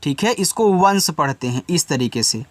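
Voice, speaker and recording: A man giving an English lesson step by step, patiently repeating each word and its meaning and spelling letters out slowly. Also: on the high side, expressive, no echo. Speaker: English teacher.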